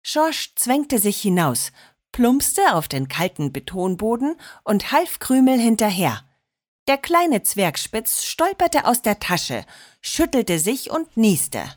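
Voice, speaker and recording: A woman narrating a children's audiobook in a slow, expressive way. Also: fairly high pitch.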